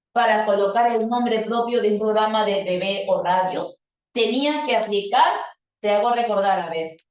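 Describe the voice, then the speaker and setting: A woman teaching a grammar lesson, explaining step by step and quizzing her students with questions. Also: on the high side. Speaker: language teacher. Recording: echoey room, voice from a distance.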